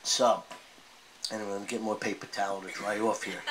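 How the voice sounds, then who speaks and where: A man performing a stand-up comedy set, telling stories with acted-out voices and loud outbursts. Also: fairly low pitch, level tone, a little fast. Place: live comedy venue with laughing audience. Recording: live audience crowd noise. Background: audience laughter and applause.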